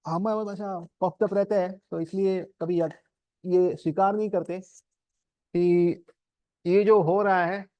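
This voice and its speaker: A man's voice: high voice, fairly even intonation, slow, dry recording, highs cut off. A man giving a conversational devotional talk to a small group, telling stories and mixing in English terms. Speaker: spiritual teacher.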